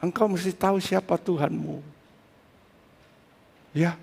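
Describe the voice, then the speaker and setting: A man's voice: high-pitched, steady tone, unhurried, vocal fry, a little mellow, husky, long reverb tail. A man preaching a sermon as pastor, talking in a conversational way and speaking straight to his congregation. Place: church sanctuary.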